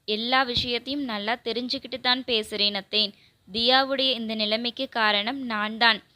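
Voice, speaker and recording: A woman voicing a firm, protective young man who speaks with quiet insistence. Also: fairly high pitch, steady tone, normal speed, dry recording.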